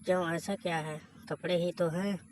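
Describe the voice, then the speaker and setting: A man's voice: high voice, steady tone, normal speed, a little hiss or hum, lightly acted. A man voicing a bold, teasing young married woman in a read-aloud story, with a bossy manner.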